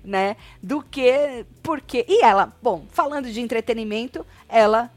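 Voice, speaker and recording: A woman's voice: on the high side, measured pace. A Brazilian woman co-hosting a live chat show, talking bluntly and with energy about a reality show. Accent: Brazilian Portuguese. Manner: blunt and animated, calls people "menino" and "moça".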